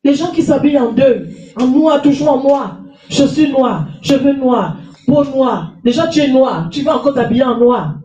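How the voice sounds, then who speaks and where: A middle-aged Frenchwoman with a cold preaches emphatically into a handheld mic, repeating phrases and calling for amens in a small church hall with a stage and lectern. Her high voice is expressive and dark, at normal speed, on dull audio. It's an echoey room, recorded from a distance on a far camera.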